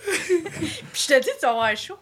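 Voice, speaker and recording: A young woman with a Quebec French accent, guest in a casual chat, animated and laughing, sometimes yelling for effect. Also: high-pitched, moderate pace, noisy background.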